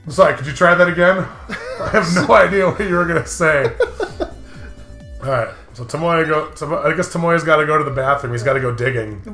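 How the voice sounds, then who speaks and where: Bright and forceful, a man with a fairly high voice talks quickly as co-host of a gaming show's let's play, joking casually, prodding his co-host and regularly laughing. The echoey recording carries faint music in the background.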